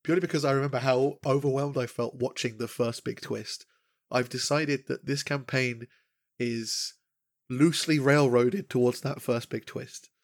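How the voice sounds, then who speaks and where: A man's voice: medium pitch, steady tone, normal speed, no echo, studio quality. A man co-hosting a podcast, talking casually about the world he runs his tabletop game in, rambling and jokey with lots of fillers. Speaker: podcast co-host and game master.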